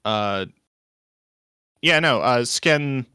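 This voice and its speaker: A player talking casually while playing a tabletop game, chatty and lively. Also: mid-range voice, drawn-out words, smooth, no room sound, clean studio sound.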